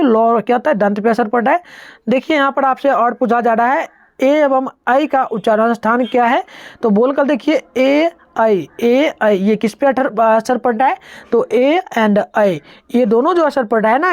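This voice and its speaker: A woman's voice: on the high side, moderate pace, dry recording, studio quality. A woman teaching an online exam-prep lesson, going through answers step by step and having students say sounds aloud.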